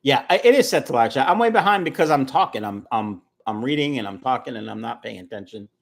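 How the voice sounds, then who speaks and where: Here the fishkeeping streamer, a fifty-something man, talks fast in a gravelly mid-range voice with lively intonation. He rambles chattily through the live chat, responding to viewers' comments.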